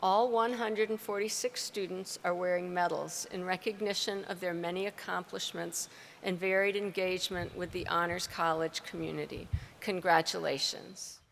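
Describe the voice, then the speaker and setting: A middle-aged woman, a university provost, formally and deliberately reading out names at a ceremony. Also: lowish voice, steady tone, gravelly, a bit bright. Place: large ceremony venue. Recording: reverberant hall with faint crowd and noise.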